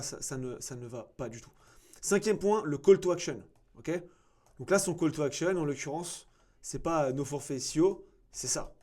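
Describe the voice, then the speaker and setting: A man's voice: mid-range voice, warm tone. A man, an agency founder giving blunt, sarcastic commentary on a cold email, with many fillers and restarts. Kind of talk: casual commentary to camera.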